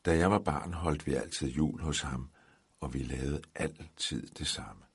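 A man reading a Christmas story aloud in a calm, dry storytelling manner. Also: rumbling low, husky.

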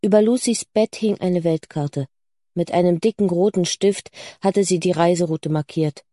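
A calm woman reads a children's book as scripted audiobook narration. Her voice is fairly low at a normal speed, recorded in studio quality with no room sound.

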